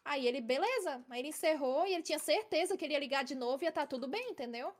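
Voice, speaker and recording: A woman's voice: high voice, animated, very fast. A young woman casually telling a long personal story, often adding "entendeu?" to check her listeners follow. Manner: chatty, keeps adding "entendeu?".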